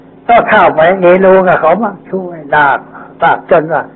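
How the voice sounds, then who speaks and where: A man's voice: fairly high pitch, normal speed. An older man, a Buddhist monk, giving a folksy sermon and telling stories in plain speech. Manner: folksy storytelling, acting out quoted characters. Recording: tinny phone-like old recording with faint hiss.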